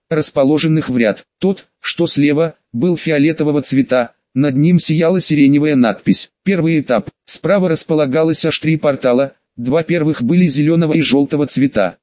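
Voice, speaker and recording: A man reads a first-person audiobook in a steady, even manner, his voice sitting slightly high. The recording is close and dry, with a dull, muffled top end. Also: dry recording. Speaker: audiobook narrator. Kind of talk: scripted first-person narration.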